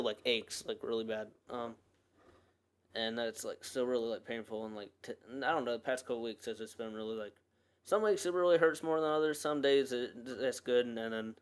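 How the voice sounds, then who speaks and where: A young man speaks in a personal podcast monologue at a middle pitch, earnest and rambling. He starts over often and leans on many fillers as he talks. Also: clean tone. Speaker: podcast host.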